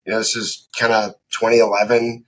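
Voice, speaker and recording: A man's voice: lowish voice, flat delivery, fairly quick, fairly bright tone, poor audio. A man in his thirties, a business founder, telling his career story as a podcast guest in a laid-back, matter-of-fact way. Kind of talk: casual interview answers.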